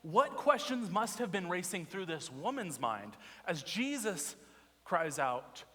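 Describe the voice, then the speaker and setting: Animated male pastor preaching in a reverberant hall. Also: sits high, slow. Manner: animated storytelling with rhetorical questions. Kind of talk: sermon. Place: church sanctuary.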